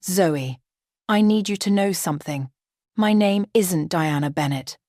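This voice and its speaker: A woman voicing a calm, commanding middle-aged mother who speaks firmly and with authority. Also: lowish voice, unhurried, no echo, studio quality, close to an everyday voice. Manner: firm, authoritative.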